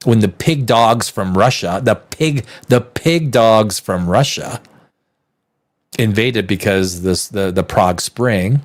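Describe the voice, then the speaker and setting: Speaking slowly in a voice on the low side, this livestream host is a man in his fifties, born in the Czech Republic and living in Canada, with a North American accent. His unscripted, casual chat is emphatic and full of profanity, and he keeps repeating himself.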